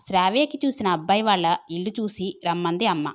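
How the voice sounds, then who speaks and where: A woman's voice: mid-range voice, expressive, fast, close to an everyday voice. A woman voicing a protective young brother who asks questions earnestly in an audio story.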